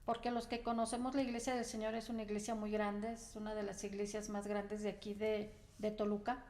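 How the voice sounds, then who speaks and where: A woman's voice: mid-range voice, little pitch movement, fairly quick, darkish tone. A woman hosting an interview, reacting often with short exclamations. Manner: responsive, frequent short exclamations. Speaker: host. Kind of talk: casual interview.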